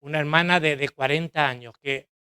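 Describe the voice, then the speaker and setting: A man's voice: fairly high pitch, fairly quick, sharp tone, smooth, no room sound, studio quality. A middle-aged man preaching a sermon in a church, emphatic, repeating key phrases and asking rhetorical questions.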